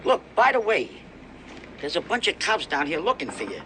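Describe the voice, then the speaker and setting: An actor playing a wry, slangy, fretful racetrack-tipping buddy in a film phone scene. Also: male voice, fairly high pitch, huge pitch swings, moderate pace, sharp tone, slight background noise, full character voice. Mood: eager, urgent. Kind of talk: film dialogue, phone conversation.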